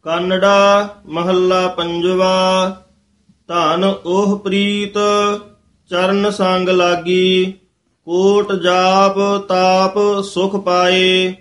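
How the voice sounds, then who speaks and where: A man with a high voice recites scripture in a lesson, word by word and very slowly. He holds an even, chant-like tone. The room adds a noticeable echo. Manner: slow measured chant-like reading. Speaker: student reciter.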